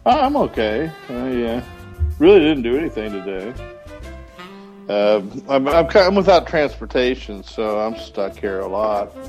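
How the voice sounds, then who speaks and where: A man's voice: medium pitch, big pitch swings, measured pace, darkish tone, soft background music. A man chatting as a guest on a group call, speaking hesitantly and laughing between his words. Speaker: podcast guest. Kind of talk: casual group chat.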